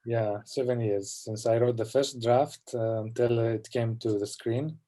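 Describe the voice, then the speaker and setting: Mellow-voiced man from Palestine, reflective. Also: medium pitch, fairly even intonation. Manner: reflective, halting, often adds "you know". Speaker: film director. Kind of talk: festival Q&A conversation.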